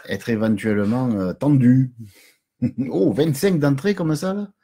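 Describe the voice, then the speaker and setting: A man's voice: mid-range voice, measured pace, dark tone, a little hiss or hum. A middle-aged man hosting a casual live stream from home, chatty and jokey, greeting viewers and chuckling often.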